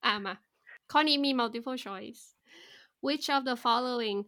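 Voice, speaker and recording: Brief: higher-voiced woman running a quiz, bright, unhurried reads, laughs a lot. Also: smooth, no room sound, clean studio sound. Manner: playful, laughs often, reads questions slowly and carefully. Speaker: quiz host. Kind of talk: casual quiz chat.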